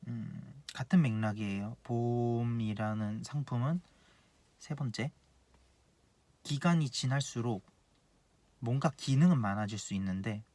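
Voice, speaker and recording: A young man in his late twenties talks through his advice as an insurance planner. He speaks bluntly and earnestly at an ordinary pitch, hammering home each point by repeating it. The delivery is casual and direct, like a one-person video talk. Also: a little mellow. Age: 20s.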